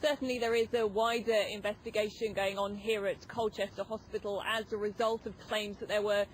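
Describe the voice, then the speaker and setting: Woman reporting live over clear ambient noise. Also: medium pitch, little pitch movement, brisk, poor audio. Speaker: news reporter. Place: outside a hospital. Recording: outdoor ambient noise behind.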